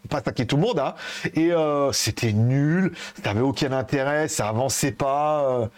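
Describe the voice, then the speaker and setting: A man hosts a tech news show from his home in Asia, rambling casually with lots of hesitations, laughter and swearing. His voice is medium-pitched and darkish, and he talks at a moderate pace.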